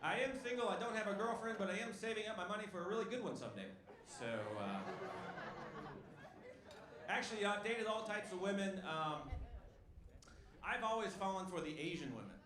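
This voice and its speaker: A man's voice: sits high, animated, brisk, long pauses. A male stand-up comedian doing a punchy, wry set, talking to the crowd from a club stage on a handheld mic. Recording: echoey club with loud crowd noise.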